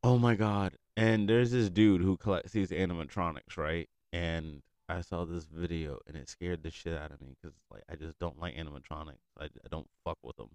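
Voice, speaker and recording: Young guy with a deep smooth voice, rambling and cursing, laughs a lot, dry close sound. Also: fairly even intonation, normal speed, hardly any pauses, a little mellow, dry recording. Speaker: friend catching up. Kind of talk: casual chat.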